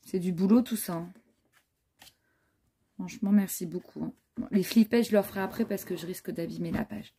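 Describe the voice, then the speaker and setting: A woman's voice: fairly low pitch, moderate pace, pauses often, mellow, slightly rough. A woman vlogger chatting casually as she shows off a handmade scrapbook album, full of admiring asides and fillers. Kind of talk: casual show-and-tell chat.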